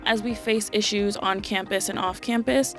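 A woman's voice: mid-range voice, fairly even intonation, moderate pace, faint music behind. A woman speaking in an earnest, explanatory way in a documentary interview.

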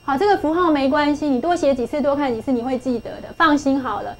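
High-voiced woman teaching a patient lesson. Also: fast talker, a little hiss or hum. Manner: patient, coaxing, repeats herself and asks for answers. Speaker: English phonics teacher. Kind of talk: classroom lesson.

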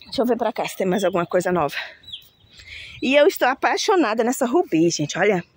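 A woman's voice: mid-range voice, big pitch swings, a little fast, breathy edge. A woman chatting casually to her viewers about her plants, laughing at herself when she stumbles over names. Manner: chatty, self-mocking about pronouncing names. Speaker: plant vlogger showing her flowers.

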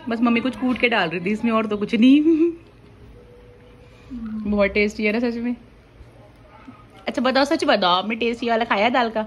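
A woman's voice: a little high, moderate pace, long pauses. A young woman, chatting casually and teasingly in a family vlog filmed on a phone. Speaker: vlogger. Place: home, indoors and on a rooftop.

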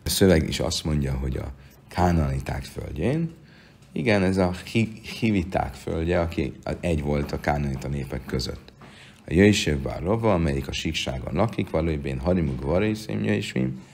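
A man's voice: extremely low pitch, expressive, vocal fry, a little mellow, slight background noise. A man giving a daily Talmud lesson, reading out the text and explaining it phrase by phrase. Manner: reads text aloud then explains in Hungarian, with fillers. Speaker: Talmud teacher.

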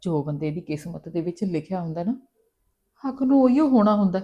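An actress playing a middle-aged mother who is soft and consoling one moment and loudly scolding the next. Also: fairly low pitch, expressive, fairly quick, dull audio, close to an everyday voice. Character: stern but caring middle-aged village mother. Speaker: mother and sister-in-law. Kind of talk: Punjabi family drama acting.

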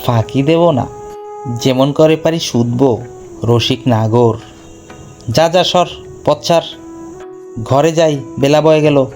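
A man's voice: mid-range voice, measured pace, pauses often, darkish tone, soft background music, close to an everyday voice. A man voicing a pompous, scornful elderly Brahmin priest who scolds and sneers in a storybook reading.

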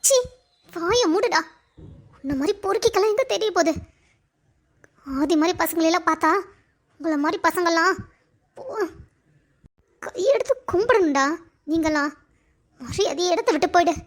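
A woman's voice: very high-pitched, expressive, moderate pace, long pauses. A woman voicing a young woman in a cartoon story who scolds and warns off a harasser sharply. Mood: scornful.

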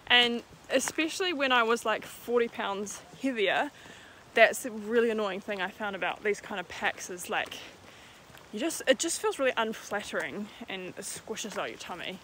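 Talking to a handheld camera for her vlog, a young woman moves from her home kitchen to a bush walk outdoors, chatting casually and using "like" often. Her mid-range voice is fairly bright with lively intonation at a normal speed, over faint background noise.

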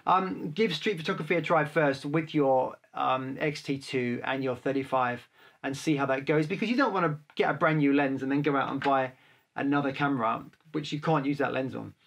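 A man, a photographer, casually answering viewer questions to camera in a relaxed, chatty way. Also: medium pitch, brisk, creaky. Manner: chatty, relaxed, handles gear while talking.

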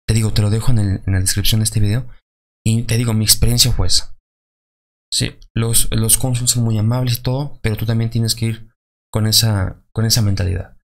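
A young adult man with a Mexican accent, talking loosely in a casual advice vlog, full of fillers and quick check-ins with the viewer. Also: lowish voice, flat delivery. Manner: chatty, loose, many fillers and tags like "¿sale?". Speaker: vlogger.

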